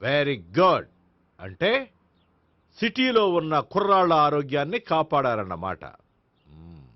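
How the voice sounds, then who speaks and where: An actor playing a middle-aged police officer who lectures everyone in a comic film scene. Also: male voice, on the high side, very animated, unhurried, no echo. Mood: stern, preachy. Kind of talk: Telugu film comedy acting. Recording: dull film soundtrack with music.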